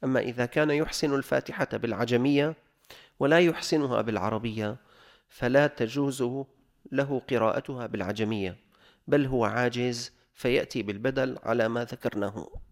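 A male religious teacher, his voice gravelly, at an ordinary middle pitch. He reads from a legal text and then explains it in everyday speech. He slows down to repeat each example. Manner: repeats examples slowly for emphasis.

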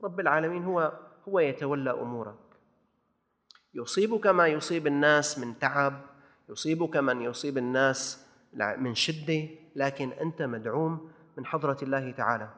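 A man's voice: medium pitch, moderate pace, long pauses, a bit bright, in a large hall. A man with a Levantine Arabic accent preaching a sermon in a mosque, exhorting and repeating phrases for emphasis.

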